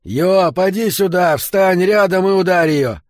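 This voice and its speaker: Gruff, foul-mouthed leader barking loud, raised-pitch orders, as a male narrator puts him on; audiobook character voice, dry close sound. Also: unhurried, dry recording. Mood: angry. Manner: shouting, swearing, counting out orders. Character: gruff commanding man, foul-mouthed and forceful.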